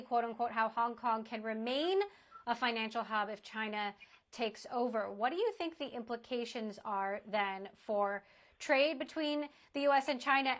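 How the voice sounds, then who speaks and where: A woman news anchor reading headlines in a brisk, scripted way, then questioning a guest. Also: on the high side, fairly bright tone. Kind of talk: broadcast news interview. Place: TV studio.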